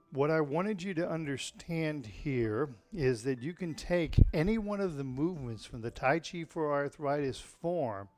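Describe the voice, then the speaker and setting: A man's voice: a little high, darkish tone. A man teaching tai chi in an informal, explanatory and encouraging way, often checking in with his listeners. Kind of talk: informal spoken class instruction.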